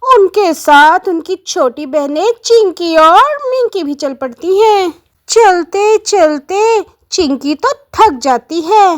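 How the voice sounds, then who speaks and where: A woman narrating a children's doll story in an animated way, talking to viewers as friends. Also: very high-pitched, slow pace.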